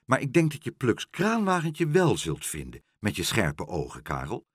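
A fussy, worried older gentleman, voiced by a man frets aloud in a somewhat raised, husky voice that swings up and down a lot. The sound is close and dry. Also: medium pitch, wildly swooping pitch, moderate pace, no echo. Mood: insistent. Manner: worried, fretful.

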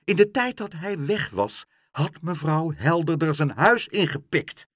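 A man's voice: fairly high pitch, big pitch swings, measured pace, a bit bright, no room sound, clean studio sound. A man reading a children's story aloud, acting out every line.

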